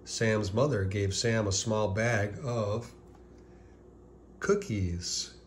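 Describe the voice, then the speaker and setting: A man with a lowish, steady voice reads a children's picture book aloud as scripted narration, taking it deliberately and pausing before key words. A little hiss or hum can be heard in the recording.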